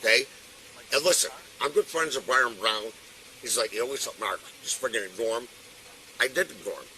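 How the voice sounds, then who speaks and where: A man's voice: medium pitch, fairly quick, pushed and bright, a little hiss or hum, poor audio. A drunk middle-aged man rambling and swearing as he tells his side, picked up outdoors by a police body camera. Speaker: resident in a neighbor dispute. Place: outdoors on a residential street. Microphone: officer's body camera.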